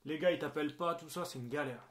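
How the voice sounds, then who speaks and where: A man narrating his craft vlog in a casual, slangy way, easily excited about his new gear. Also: a little high, fast talker, noisy background. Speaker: vlogger.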